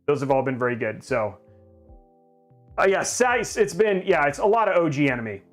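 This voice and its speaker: A man's voice: fairly high pitch, big pitch swings, normal speed, faint music behind. A middle-aged man hosting a live stream, chatting casually and rambling, often restarting his sentences as he reads viewer questions. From grew up in Japan. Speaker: livestream host.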